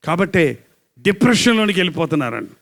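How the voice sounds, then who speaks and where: A male pastor delivers a live sermon, driving each point home with rhetorical questions and repeated phrases. His voice sits high for a man and keeps swinging between hushed asides and loud, ringing declarations. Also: big pitch swings, quick pace, gravelly. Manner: emphatic, rhetorical questions, repetition.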